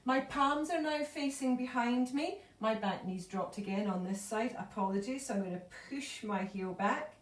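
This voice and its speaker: Yoga teacher lady, highish voice, a bit out of breath, sounds far off in a roomy space. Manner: calm, slow cueing of breath and movement. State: a little out of breath. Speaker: yoga instructor. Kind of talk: live online yoga class instruction. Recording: echoey room, voice from far off.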